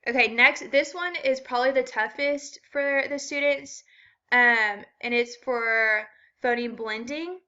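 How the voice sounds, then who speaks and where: Bright-voiced woman explaining a test. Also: on the high side, unhurried, dull audio. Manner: explanatory, with frequent ums. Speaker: student teacher explaining an assessment. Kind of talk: walkthrough of a reading assessment.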